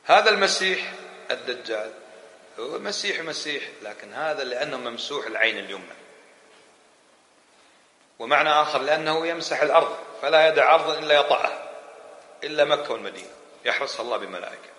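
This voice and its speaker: A man teaching a religious lesson in a lively, colloquial way, firing rhetorical questions at his listeners. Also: a little high, fast, pauses often. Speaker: Islamic scholar teaching a book. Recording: echoey room, faint background hiss.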